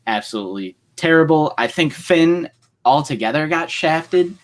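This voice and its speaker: A man's voice: a little high, animated, moderate pace. A man co-hosting a casual livestream, talking in long rambling runs full of fillers. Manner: rambling, filler-heavy, enthusiastic fan talk. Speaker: co-host.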